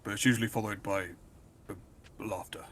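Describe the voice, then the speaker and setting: A man's voice: fairly low pitch, steady tone, a little fast, fairly bright tone. A man playing a tabletop game with a dry, teasing manner. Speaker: player. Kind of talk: casual chat at a game table.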